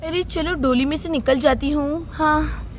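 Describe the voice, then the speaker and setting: A woman's voice: high-pitched, a little slow, a little hiss or hum. A woman voicing a young bride in a doll story, speaking politely and pleadingly. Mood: dismayed. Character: sweet young bride, trusting then hurt.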